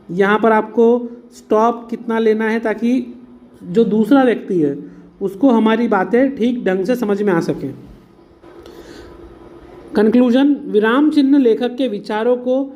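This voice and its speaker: A man's voice: sits high, a little mellow. A man teaching an exam-prep lesson, explaining patiently, mixing in English words and calling his students "beta". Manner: mixes English words into Hindi.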